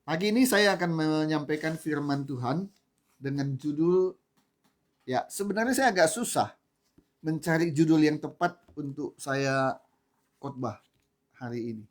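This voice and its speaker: A man's voice: fairly high pitch, measured pace, long pauses. A male pastor preaching a sermon at a church service, chatty and joking, often quizzing the congregation. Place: church service, also streamed online.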